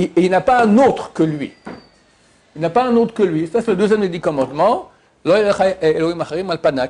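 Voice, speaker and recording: A man's voice: on the high side, mellow, breathy edge. A man teaching a religious lesson as a rabbi, explaining with emphatic repetition and frequent restarts. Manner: emphatic, repeats Hebrew words to stress the syllable; stumbles and restarts often.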